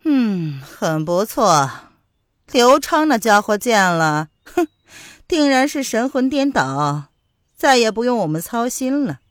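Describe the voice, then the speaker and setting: A woman's voice: a little high, very animated, slow, no echo, clean studio sound. A woman voicing a haughty fairy envoy, a man in disguise, who sneers and gives orders. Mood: scornful. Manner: scornful, commanding, sneering.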